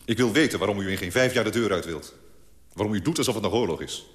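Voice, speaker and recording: A man's voice: lowish voice, fast, roomy sound, long reverb tail, natural voice. An actor in a radio drama playing a persistent male doctor who keeps probing with questions. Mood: insistent.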